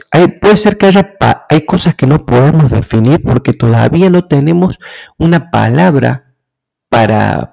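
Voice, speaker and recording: Gravelly man explaining ideas. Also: mid-range voice, a little mellow, low-quality recording. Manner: measured, checks in with rhetorical "¿sí?". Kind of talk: explanatory talk.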